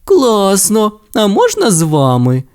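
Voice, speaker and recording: A man's voice: high-pitched, huge pitch swings, slow pace, voice pushed up, heavily acted. A man doing a cheery big lady dinosaur. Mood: friendly. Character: friendly big female ankylosaur dinosaur. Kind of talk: storybook voice acting.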